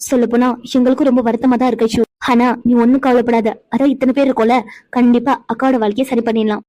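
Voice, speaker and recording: A woman's voice: on the high side, flat delivery, fast talker, mellow, no echo, natural voice, rough recording. A woman voicing a young wife in a cartoon who comforts her sister-in-law and gets flustered by her husband's teasing. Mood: reassuring. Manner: flustered, stammering when teased. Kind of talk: Tamil cartoon voice acting.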